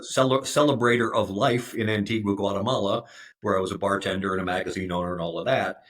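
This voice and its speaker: A man in his fifties, a podcast guest, speaking in a halting way with many fillers and restarts. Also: lowish voice, steady tone, fairly bright tone. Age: 50s. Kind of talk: conversational interview.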